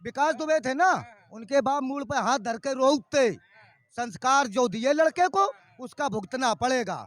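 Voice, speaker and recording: A man's voice: extremely high pitch, lively intonation, unhurried, a bit bright. A man, answering a reporter's questions in an emphatic, argumentative way. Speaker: interviewee. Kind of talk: street interview debate.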